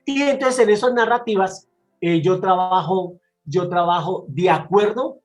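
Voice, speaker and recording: A man from Bogotá with a Colombian accent, a storyteller talking in an interview, animated and expressive, often restarting his sentences. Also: high voice, unhurried, soft background music, low-quality recording. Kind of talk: casual interview talk.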